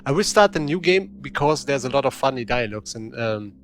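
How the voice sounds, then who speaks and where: A man talks through a game in loose, casual commentary, middle in pitch. He rambles and corrects himself as he goes, with faint music under his voice. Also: animated, fairly quick. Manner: chatty, rambling, self-correcting. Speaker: gaming channel host.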